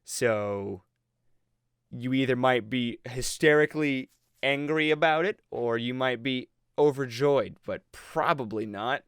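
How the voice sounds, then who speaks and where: A man's voice: medium pitch, a little slow, clear, resonant tone, no echo, clean studio sound. A man giving a rambling, sarcastic movie review, acting out the audience's reactions as he goes. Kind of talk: casual commentary.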